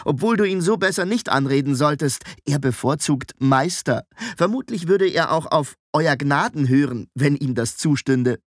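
A cheeky blond apprentice boy of about fourteen chatters in a high, giggly voice, as a man puts him on. His voice jumps around with mischief. The recording is close and dry. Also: animated, moderate pace, hardly any pauses, no room sound, lightly acted. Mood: cheeky, teasing.

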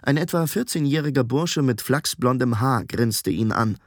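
A man reading an audiobook as narrator in a calm, even storytelling voice. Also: mid-range voice, normal speed, no room sound, studio quality. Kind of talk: scripted narration.

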